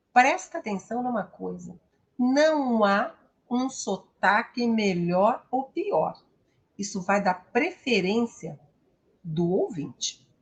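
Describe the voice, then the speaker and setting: A woman with a Brazilian accent and a slightly high, somewhat bright voice speaks as an English teacher and host. Her talk is instructional and promotional, delivered in a didactic, emphatic style with frequent tag questions.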